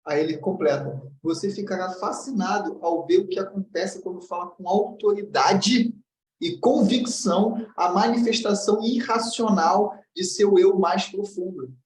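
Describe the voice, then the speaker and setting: A man's voice: high voice, a little slow, slight background noise. A man giving a commented book reading lesson in a blunt, direct way, acting out the voices he quotes. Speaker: teacher of self-knowledge. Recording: roomy, distant mic.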